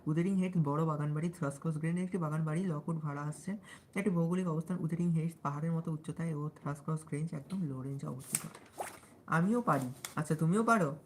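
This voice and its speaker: A young man with a Bangal-tinged Bengali accent talks in a soft, sweet voice on a live stream. He reads study notes aloud and keeps asking his viewers whether they follow. A faint ambient hum runs underneath. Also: a little high, low-quality recording. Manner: deliberately soft, sweet way of speaking; chatty, often asks listeners if they follow. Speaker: livestreamer studying for exams.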